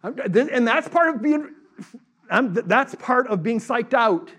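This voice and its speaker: A middle-aged male pastor preaching a sermon in a lively, conversational way, mixing casual asides with fervent declarations. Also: very high voice, measured pace, husky. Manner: animated preaching, acts out voices in quotes.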